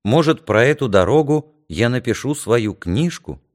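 A man reading a story aloud as audiobook narration, expressive with soft lowered pauses.

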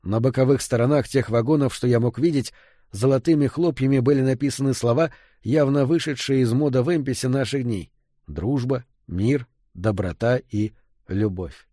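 Male audiobook narrator, mid-pitched, steady measured storytelling, dry studio sound. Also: dry recording. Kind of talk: scripted narration.

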